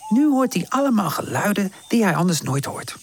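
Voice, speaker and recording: A woman reading a children's storybook aloud with gentle, expressive narration. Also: mid-range voice, moderate pace, slightly rough. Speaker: audiobook narrator.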